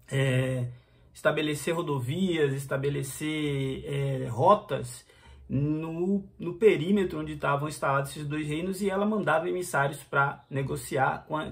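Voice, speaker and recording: A man's voice: a little high, creaky. A man with a Brazilian Portuguese accent, casually reviewing a comic book and chatting to his viewers with frequent fillers and restarts.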